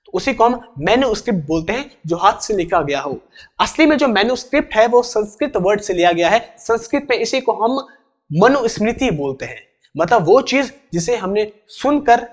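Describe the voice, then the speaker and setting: A man with an Indian accent teaching English vocabulary for exams, explaining each term in Hindi step by step and repeating the key words. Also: high voice. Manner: reads English definitions slowly, then explains in Hindi. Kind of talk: exam-prep vocabulary lesson.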